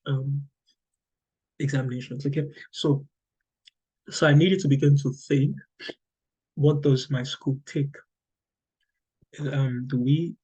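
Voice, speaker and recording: A middle-aged Nigerian man, a native Yoruba speaker and English teacher, explains exams to fellow teachers in a conversational lecture. His voice is fairly high and warm with a breathy edge, and he keeps checking in with "okay" and often restarts his sentences. The audio quality is poor.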